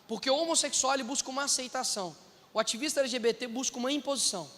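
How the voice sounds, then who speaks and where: Preaching in a rapid-fire, very high-pitched voice, a man with a Brazilian accent addresses his listeners as brothers and animatedly performs the voices of those he quotes. A long reverb tail trails after his words.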